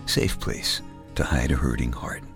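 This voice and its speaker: An older man gently tucking the listener in at bedtime, soothing them toward sleep as a podcast host signing off. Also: very deep voice, flat delivery, measured pace, music in the background. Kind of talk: soft bedtime sign-off.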